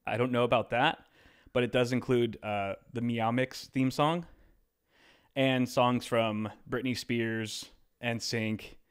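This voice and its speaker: A man's voice: mid-range voice, steady tone, takes it slowly, clear, resonant tone. A man co-hosting a podcast, telling stories in a loose, rambling way full of fillers. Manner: rambling, filler-heavy storytelling. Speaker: podcast co-host. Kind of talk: casual chat.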